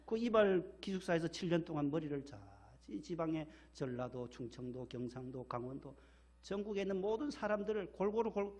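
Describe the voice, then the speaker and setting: A man's voice: on the high side, lively intonation, a little fast, darkish tone. A middle-aged man from South Korea's Gyeongsang region, a pastor preaching a sermon and telling folksy personal stories, repeating phrases for emphasis.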